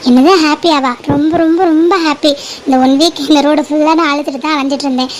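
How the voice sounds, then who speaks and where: A woman's voice: high-pitched, fairly even intonation, fast, slight background noise, natural voice. A woman voicing an emotional, dramatic young girlfriend in a cartoon. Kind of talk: cartoon voice acting.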